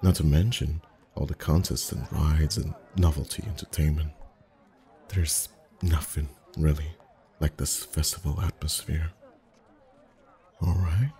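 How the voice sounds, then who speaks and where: In an intimate ASMR roleplay, a voice actor plays a friendly festival face painter with a very deep, mellow voice. He speaks softly and chattily, reassuring his customer while gently teasing and flirting.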